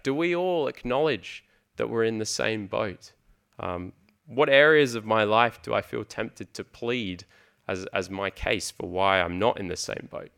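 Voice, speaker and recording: A man's voice: lowish voice, gravelly, a bit bright, clear, resonant tone. A man preaching a sermon in an earnest, emphatic way, with frequent ums and repeated words.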